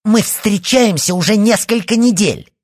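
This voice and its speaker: Man doing a shrill furious teenage girl. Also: big pitch swings, a little slow, husky, no room sound, clean studio sound, full character voice. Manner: hissing, shrill shouting. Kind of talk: audiobook character reading.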